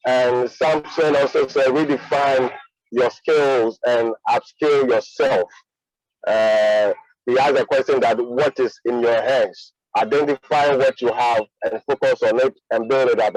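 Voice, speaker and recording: A conference attendee, a man, speaking from a moving car during an online call, reading back his notes in a halting way. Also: mid-range voice, fairly even intonation, a little mellow, dry recording, rough recording.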